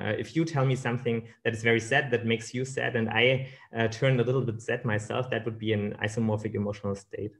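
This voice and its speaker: A man in his thirties delivers a scientific keynote over slides, speaking through a webcam on a video call from an indoor room. His voice sits at a middle pitch, and his delivery is halting and thoughtful, full of "uh" and "um" as he restarts his phrases. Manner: hesitant, many fillers and restarts. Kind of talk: academic lecture over slides.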